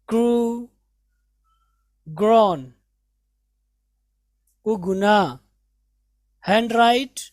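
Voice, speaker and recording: A woman teaching English, slowly drilling each word and its meaning in a patient lesson. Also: medium pitch, a little mellow, dry recording, studio quality. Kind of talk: slow vocabulary drill lesson.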